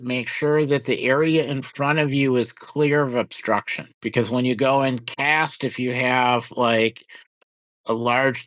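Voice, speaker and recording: A man co-hosts a casual tech podcast, his voice dry and close on the mic with no room sound. He speaks at a middle pitch and drops in wry, understated asides. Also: fairly bright tone, no room sound. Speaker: podcast co-host.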